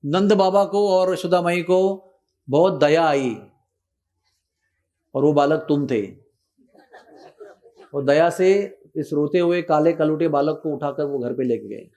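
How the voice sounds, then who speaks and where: A man telling a devotional story in a sermon, animated and switching between Hindi and English. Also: a little high, takes it slowly, pauses often. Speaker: spiritual teacher.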